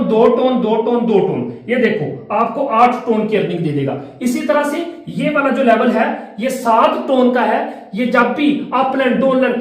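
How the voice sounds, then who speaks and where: High-voiced man pitching in an echoey room. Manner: pitching, repetitive counting, addresses viewers as friend and sir. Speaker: channel host explaining a business plan. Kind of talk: persuasive screen-share walkthrough.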